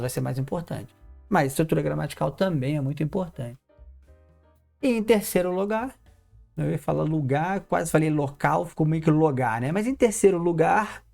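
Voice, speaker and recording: A man's voice: fairly high pitch, vocal fry, a little mellow. A Brazilian man giving a casual video lesson as an English teacher, emphatic, repeating key words and asking himself questions. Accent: Brazilian Portuguese.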